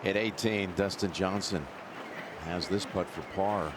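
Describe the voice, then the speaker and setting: A man commentating live on golf as lead announcer, speaking in measured short phrases with dramatic pauses. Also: low voice, fairly even intonation. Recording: broadcast with music, crowd and outdoor ambience. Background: music and tournament crowd.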